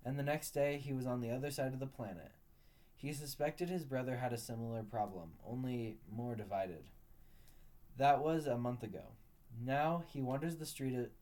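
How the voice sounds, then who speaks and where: Male storyteller, warm low-brightness tone, steady read-aloud delivery. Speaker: narrator.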